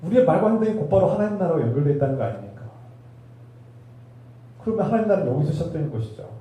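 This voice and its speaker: A man's voice: fairly high pitch, animated, racing, warm tone, highs cut off. A male pastor preaching a sermon, with rhetorical questions and emphatic repetition. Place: church sanctuary. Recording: echoey hall, voice from a distance.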